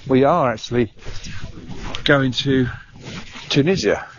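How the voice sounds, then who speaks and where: A man's voice: mid-range voice, slow pace. A middle-aged man, chatting casually and a little out of breath as he walks and vlogs through a waterside park, rambling with plenty of "uh"s. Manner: rambling, chatty, with frequent "uh" and restarts. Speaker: travel vlogger. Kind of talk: casual walking vlog. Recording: dull lo-fi sound with clear background noise.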